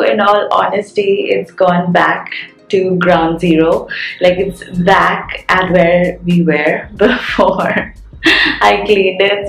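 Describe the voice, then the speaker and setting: A woman's voice: on the low side, gravelly. A young woman vlogging casually from her bedroom, groggy from just waking up and rambling with fillers. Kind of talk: casual chat. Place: bedroom at home.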